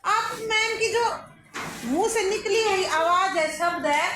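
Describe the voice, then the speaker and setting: A woman's voice: extremely high pitch, measured pace, background noise. A woman schoolteacher teaching pupils in a classroom, calling on them, praising and correcting their answers. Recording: echoey classroom with music over it.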